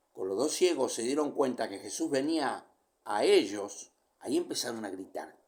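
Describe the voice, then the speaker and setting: Male preacher, lively rising and falling pitch, dramatic drops to near whispers, explains scripture verse by verse. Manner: expressive, swings from loud calls to near whispers. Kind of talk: sermon.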